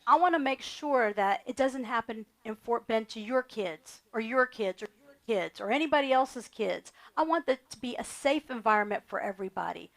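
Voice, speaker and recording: Lady running for office, earnest, says the same thing twice, a bit gravelly. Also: on the high side, expressive, moderate pace. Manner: earnest, repetitive campaign phrasing. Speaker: candidate for county attorney. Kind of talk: interview answers.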